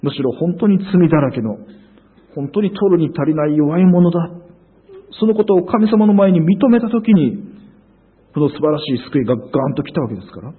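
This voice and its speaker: A man's voice: on the high side, lively intonation, fairly quick, breathy edge. A man preaching a sermon in an earnest, emphatic way, with frequent hesitations. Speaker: pastor. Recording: phone-like narrow sound.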